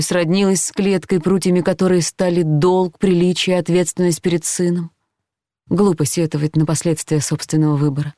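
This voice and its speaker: Low, dark-voiced woman reading a novel. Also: no room sound, clean studio sound. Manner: measured, reflective reading. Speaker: audiobook narrator. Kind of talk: first-person novel narration.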